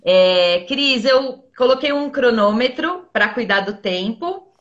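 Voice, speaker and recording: A woman's voice: fairly high pitch, expressive, slow, a bit bright, lo-fi sound. A woman hosting a casual live-stream chat, speaking to her audience and guest in a reassuring, encouraging way. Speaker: host.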